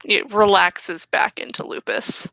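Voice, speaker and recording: A woman's voice: medium pitch, very animated, a little slow, gravelly, sharp tone, no echo, poor audio. A woman narrating as game master of a tabletop game, casual and swearing, with asides to the players.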